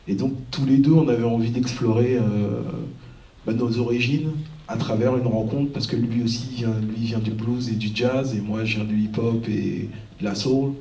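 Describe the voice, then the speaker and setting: A man on a live discussion panel talks haltingly, groping for words between fillers. His tone is dark and mellow, and he sounds far from the mic with the hall echoing around him. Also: mid-range voice, steady tone. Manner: hesitant, searching for words. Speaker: panel guest, rap artist. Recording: roomy hall from a distant mic.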